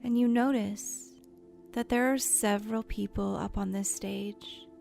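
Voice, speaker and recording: A woman hosts a guided imagery meditation, narrating a visualization in a soft, mellow, medium-pitched voice with noticeable vocal fry and fairly even intonation. Her delivery is gentle and soothing, with unhurried pauses and occasional breathiness. Soft music plays faintly in the background.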